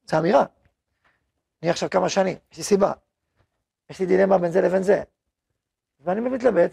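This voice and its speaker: A man's voice: high-pitched, creaky, darkish tone, breathy edge. A man with an Israeli accent teaching an informal religious lesson, acting out both sides of little dialogues and talking with the class. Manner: acts out both sides of dialogues, talks to the room. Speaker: yeshiva rabbi teaching a class. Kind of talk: informal Torah lesson to students.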